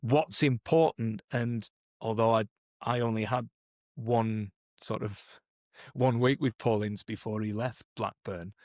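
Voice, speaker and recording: This podcast co-host is a performance coach and native English speaker who talks through coaching methods in a thoughtful, conversational way, often restarting sentences and saying "you know." His lowish voice is steady, unhurried and somewhat dark, captured in a dry, clean studio recording.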